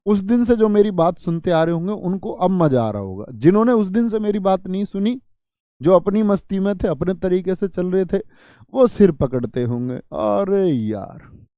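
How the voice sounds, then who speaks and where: A man's voice: sits high, animated, moderate pace, mellow, no echo, clean studio sound. A man teaching a live online exam-prep class, drilling students with repeated questions and joking as he reads their comments.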